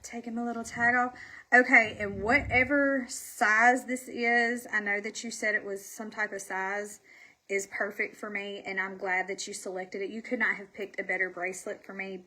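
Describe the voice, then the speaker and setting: A woman with a Southern US accent chats casually and folksily to her livestream viewers. Her voice is bright and forward, with a husky edge and a stuffy, congested sound. She is talkative and pokes fun at herself. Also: medium pitch, flat delivery, moderate pace, low-quality recording. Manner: chatty, folksy, self-deprecating. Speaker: livestream host selling makeup. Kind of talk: casual livestream chat while doing makeup.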